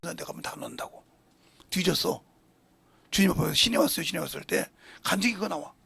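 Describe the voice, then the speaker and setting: A middle-aged male pastor preaching with fervor, his voice gravelly and husky and pitched fairly high. He swings from loud, pressing passages into hushed whispers. The sound is dry and close. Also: expressive, fast, no room sound. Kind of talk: sermon with retold dialogue. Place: church sanctuary.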